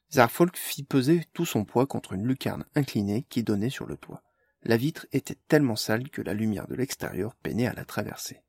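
Gravelly male audiobook narrator. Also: medium pitch, darkish tone, dry recording, studio quality.

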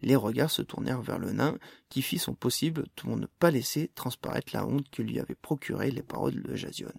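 A man narrating a fantasy audiobook with a steady, expressive reading. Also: medium pitch, brisk, creaky, breathy edge, no echo, clean studio sound.

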